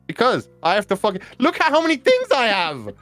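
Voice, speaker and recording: A man's voice: very high-pitched, huge pitch swings, fairly quick, a bit bright. A man streaming a game, chatting casually and teasing his co-player, swearing a lot and laughing often. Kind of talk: casual gaming chat. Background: game music.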